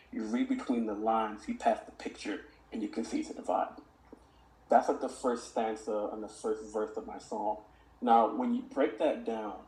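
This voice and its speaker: A young man as a podcast guest, his fairly low voice mellow, earnestly reflects on mentoring kids and recites his own lyrics during a reflective, conversational interview. The recording has an echoey room sound.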